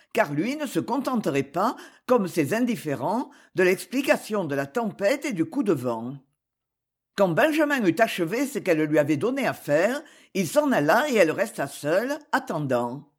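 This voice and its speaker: A narrator giving an expressive, lyrical audiobook reading. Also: mid-range voice, slightly rough.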